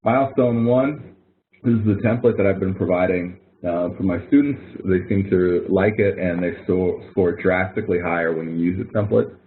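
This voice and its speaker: This instructor, a man with a deep voice and a moderate pace, leads an informal help webinar and explains to students haltingly, rambling and repeating himself. The sound arrives through a narrow, tinny online-call connection.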